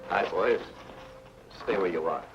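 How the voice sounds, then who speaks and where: A man's voice: deep voice, unhurried. An actor playing a cold, demanding male villain plotting to take a bank. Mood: scheming. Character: scheming male villain, cold wealthy depositor. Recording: dull old TV soundtrack with music.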